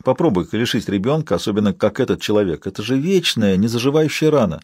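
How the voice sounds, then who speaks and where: A man narrating an audiobook in a steady, wry storytelling manner. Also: on the low side, fast talker, husky, dry recording, studio quality.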